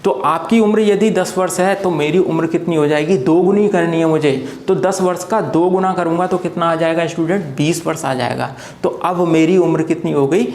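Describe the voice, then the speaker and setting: A man's voice: high voice, darkish tone. A man teaching a lesson at a board, who keeps asking questions and answering them himself and repeats each point patiently. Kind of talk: classroom lecture at a board. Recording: echoey room.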